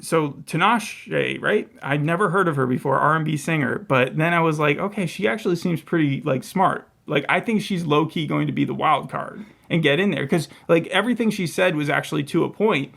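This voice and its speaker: A man's voice: fairly high pitch, fairly quick, vocal fry, hardly any pauses. A man co-hosting a podcast, chatting casually and animatedly about a reality show episode. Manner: animated, quotes people in lively voices. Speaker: podcast co-host. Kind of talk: casual review chat.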